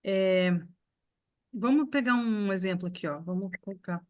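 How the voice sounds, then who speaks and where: A woman teaching a live online pronunciation lesson, explaining patiently and repeating sounds slowly for her students. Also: medium pitch. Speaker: English teacher.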